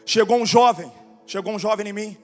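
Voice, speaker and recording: A male pastor telling testimonies in a sermon, animated, acting out the dialogue and building to shouts. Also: high-pitched, a little fast, long reverb tail, soft background music. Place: church conference.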